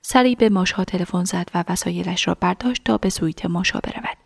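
Creaky-voiced woman reading a story. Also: on the low side, dry recording, studio quality. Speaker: narrator. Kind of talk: scripted story narration.

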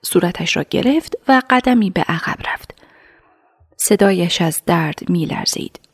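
A woman narrating a radio drama in a measured, hushed storytelling voice. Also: lowish voice, expressive, slightly rough.

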